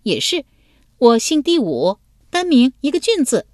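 A woman narrator voicing a playful, sharp-witted young woman in an audiobook, talking high and lively. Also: measured pace, dry recording, clean studio sound. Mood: teasing. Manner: perky and teasing, then sharply scornful. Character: bright, teasing young woman, quick and playful.

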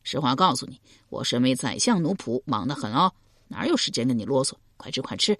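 A cheeky, uneducated male house servant in a historical audiobook, brash and bossy, as a woman narrator puts him on. The voice drops low and a little quieter, rattling off lines quickly with a slightly husky edge. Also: sing-song, no room sound, clean studio sound, exaggerated voice. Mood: mocking.

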